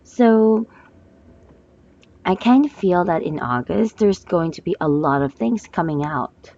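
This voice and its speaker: A hoarse woman reads a monthly love forecast from tarot cards in a low, slow voice. She speaks gently and hesitantly, with many pauses and fillers. The recording sounds somewhat dull and lo-fi. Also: animated. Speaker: tarot reader.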